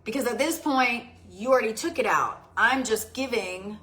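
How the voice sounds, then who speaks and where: Rambling high-voiced woman vlogger. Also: moderate pace, bright, forceful tone. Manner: rambling, self-interrupting, stutters and restarts. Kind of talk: casual chat.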